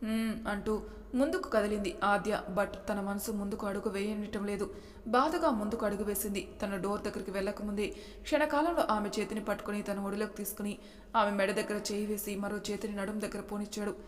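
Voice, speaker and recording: A woman storyteller reading a romance story aloud in a steady, even manner. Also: mid-range voice, a little fast. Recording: long hall reverb.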